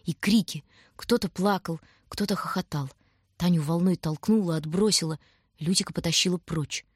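A woman narrating an audiobook in an even, measured storytelling voice. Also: lowish voice, slightly rough, no room sound, studio quality. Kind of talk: scripted narration.

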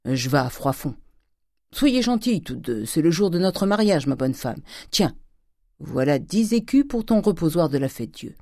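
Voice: mid-range voice, sing-song, moderate pace, dark tone, no room sound, studio quality. A reader voicing a miserly, scheming old man of seventy-six who wheedles and gloats over gold. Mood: coaxing. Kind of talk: audiobook character voice.

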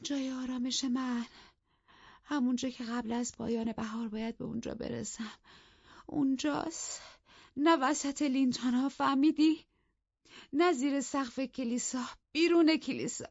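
A woman's voice: high voice, few pauses, dry recording, lo-fi sound, pitched above the performer's own voice. A woman voicing a delirious, furious young wife in an audiobook, with raised, overwrought outbursts. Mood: bitter, feverish.

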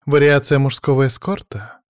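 A man reading an audiobook, voicing an irritable, defensive woman fitness trainer who talks in a sharp, sneering way. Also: medium pitch, steady tone, normal speed, dry recording, clean studio sound, lightly acted. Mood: mocking. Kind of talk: audiobook character voice.

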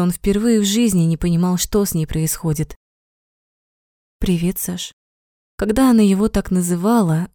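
A woman narrating a story as an audiobook with even, measured storytelling. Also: on the low side, no room sound, studio quality.

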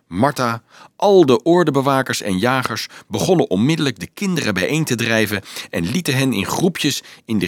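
A man reads a storybook aloud in a steady, measured way, his voice sitting at an ordinary middle pitch. The sound is dry and close, with no room echo. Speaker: audiobook narrator. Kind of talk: scripted storybook narration.

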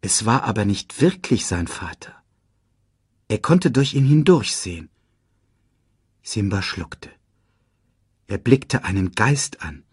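A male narrator reading a children's story slowly and expressively. His slightly low voice is husky, with a lively rise and fall, and sounds close and dry. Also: no echo. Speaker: audiobook narrator.

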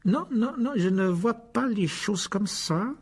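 A man voices a frosty, contemptuous wizard professor from a storybook, drawing his words out slowly. The tone is raised somewhat above the narrator's own and carries a breathy, husky edge. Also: a little high, sing-song, darkish tone, voice pushed up, heavily acted. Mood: icy. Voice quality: icy, mocking, slow. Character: cold, sneering adult male wizard teacher.

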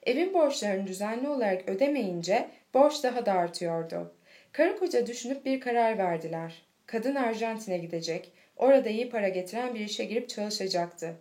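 A woman reading a children's storybook aloud in a steady, clear manner. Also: mid-range voice. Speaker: audiobook reader. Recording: echoey room.

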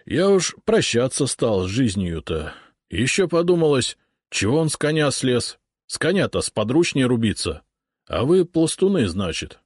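A man voicing a talkative, rustic Cossack sergeant in dialect-heavy, raised-pitch speech. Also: sing-song, moderate pace, breathy edge, no echo, studio quality. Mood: plaintive.

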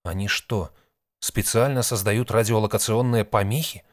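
A man's voice: lowish voice, fairly even intonation, normal speed, no room sound, clean studio sound, natural voice. A man reading an audiobook, voicing a curious, wry male space explorer.

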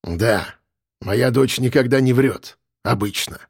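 A male narrator voicing a gruff, overbearing middle-aged father who blusters and snaps. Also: medium pitch, takes it slowly, no room sound, clean studio sound. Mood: sullen. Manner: blustering, shouting, sullen.

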